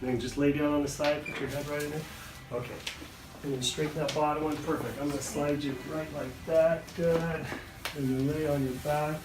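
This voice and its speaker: A man working as a chiropractor, calmly and soothingly guiding a patient through hands-on treatment in short, gentle instructions. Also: fairly high pitch, fairly quick, background noise. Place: indoor treatment room. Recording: echoey room, distant mic, music underneath. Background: music.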